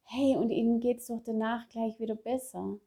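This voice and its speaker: A middle-aged woman coach giving a personal motivational talk, speaking affirmations softly and repeating them. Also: a little high, steady tone. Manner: slow, soft, repeated affirmations. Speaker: self-help coach.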